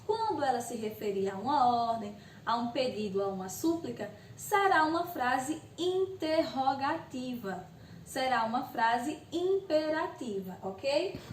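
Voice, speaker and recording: Brazilian woman teacher, patient video lesson, high voice, recorded a little off the mic. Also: animated, a little slow, a little hiss or hum. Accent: Brazilian Portuguese. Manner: explains patiently, checks in with "ok?" and "tá bom?"; voices the students' questions herself. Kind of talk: recorded video lesson for eighth-grade Portuguese. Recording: echoey room, voice a bit far from the mic.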